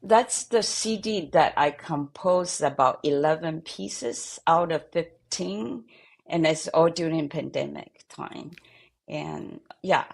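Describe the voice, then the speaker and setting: An older woman from Taiwan, a pianist and composer, speaking in an interview and trailing off softly at the ends of phrases. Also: low-pitched, vocal fry, slightly rough. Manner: halting non-native English, trailing off softly at phrase ends. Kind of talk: interview conversation.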